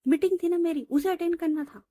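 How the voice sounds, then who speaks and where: A woman voicing a stubborn, quick-tempered young female boss who scolds and protests. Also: high voice, mellow, dry recording, clean studio sound, close to an everyday voice. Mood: angry. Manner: scolding, indignant.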